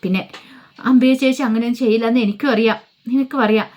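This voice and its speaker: Woman doing motherly friend, calming, quick delivery. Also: on the high side, close to an everyday voice. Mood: reassuring. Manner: reassuring. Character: caring older woman, family friend.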